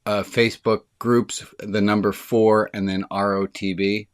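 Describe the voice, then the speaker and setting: A man playing a rabbi leads an online group over a video call, casual and chatty, in a deep, resonant, smooth voice. He speaks eagerly and quickly, remarking that his excitement speeds him up.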